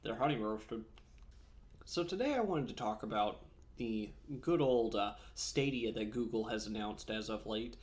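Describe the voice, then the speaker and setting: A man's voice: fairly low pitch, lively intonation, unhurried. A man chatting casually in a gaming vlog, rambling with many fillers and self-corrections, snacking on almonds as he talks. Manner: snacks on almonds while talking. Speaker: gaming vlogger.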